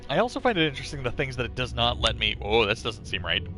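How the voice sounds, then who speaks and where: A man's voice: mid-range voice, very animated, fast talker, bright, forceful tone. A man doing casual live game-stream commentary, chatting and thinking aloud as he plays. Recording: music behind the voice. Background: music.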